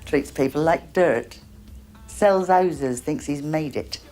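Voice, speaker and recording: An actress playing a blunt local cleaner, scornful and gossipy. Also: female voice, sits low, takes it slowly, darkish tone, soft background music. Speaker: office cleaner.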